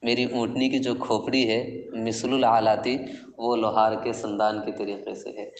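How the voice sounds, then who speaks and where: A man's lowish, flat voice fills an echoey classroom with long reverb as he teaches classical Arabic poetry in Urdu. He explains every verse in steps and puts questions to his students, with slight background noise present.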